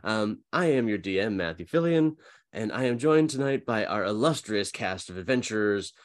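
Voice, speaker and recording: Guy with a deep voice dming a tabletop game, relaxed wording, kinda halting. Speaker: game master. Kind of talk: casual tabletop game narration.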